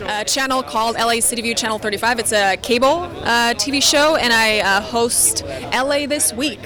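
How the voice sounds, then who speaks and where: A woman's voice: a little high, moderate pace, music in the background. A woman, an actress and TV host from Spain, chatting at length and teasing herself in a red carpet interview outdoors. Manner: chatty, rambling, self-deprecating. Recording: busy crowd chatter outdoors.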